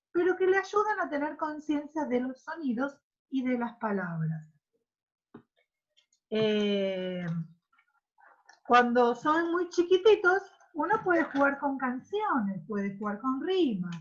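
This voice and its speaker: Argentine woman teacher with a higher voice, animated; muffled, lo-fi audio. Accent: Argentine Spanish. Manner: animated, exaggerates syllables for demonstration. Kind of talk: online class lecture.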